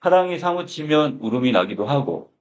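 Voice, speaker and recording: A man's voice: mid-range voice, very animated, a little fast, a little hiss or hum. A man teaching a literature class, explaining a classic prose text line by line and starting most phrases with a filler "so". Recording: dull lo-fi lecture recording.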